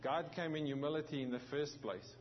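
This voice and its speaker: Preaching as a visiting pastor, a South African man with a New Zealand-tinged accent speaks in a voice on the high side. His halting sermon is full of restarts and fillers, and the recording has its highs cut off plus a little hiss or hum.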